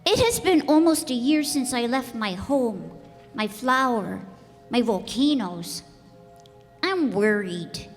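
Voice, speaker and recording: A woman's voice: on the high side, animated, slow pace. A woman playing an earnest, curious little boy prince from another planet in a radio play, persistently asking questions. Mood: wistful, homesick. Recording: echoey hall, music behind.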